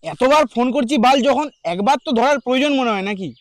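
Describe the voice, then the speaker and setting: A man's voice: very high voice, fast talker, no echo. A man playing a desperate, bitter young man. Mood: urgent. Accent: Bengali. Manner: urgent, pleading on the phone, then bitter and confrontational. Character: desperate young man cheated out of job money. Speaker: actor in a short film. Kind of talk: naturalistic short film acting.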